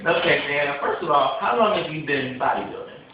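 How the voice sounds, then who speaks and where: A man's voice: a little high, animated, a little fast. A young man in his twenties interviewing a guest in a playful, joking way. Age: 20s. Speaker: interviewer, reporter. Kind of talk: casual interview. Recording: distant, roomy, dull sound.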